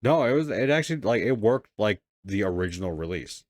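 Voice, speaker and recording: A man's voice: on the low side, expressive, a little fast, no room sound. A man co-hosting a podcast in loose, casual chat, swearing freely and rambling. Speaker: podcast co-host.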